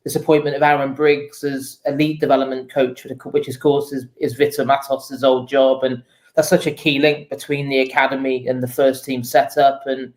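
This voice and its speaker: A man answering interview questions as a football journalist, explaining things in a measured, conversational way. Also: medium pitch, flat delivery, rough recording. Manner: measured, explanatory, often says "you know". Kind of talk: casual interview answers, informed analysis.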